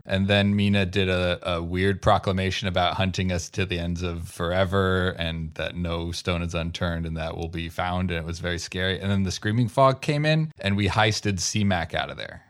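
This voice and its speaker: A man playing a tabletop game, talking his plans through out loud in a rambling, good-humored way. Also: low-pitched. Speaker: player. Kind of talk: casual tabletop play.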